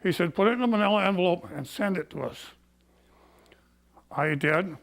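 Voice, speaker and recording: A man's voice: high voice, expressive, moderate pace, creaky. An older man, short of breath, telling his grievances as a barber in a folksy, plain-spoken, indignant way. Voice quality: breathless from COPD. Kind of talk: personal storytelling, complaint.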